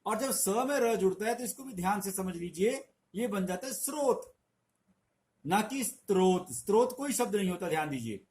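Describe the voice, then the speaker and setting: A man's voice: high voice, animated, brisk, hardly any pauses. A middle-aged man teaching a spelling lesson, patient, explaining with little stories and examples. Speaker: Hindi language teacher.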